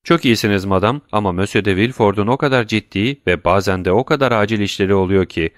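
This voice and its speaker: A man's voice: lowish voice, quick pace, dry recording, studio quality, close to an everyday voice. A man reading a gracious worldly count. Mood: courtly. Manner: elaborate, courtly phrasing.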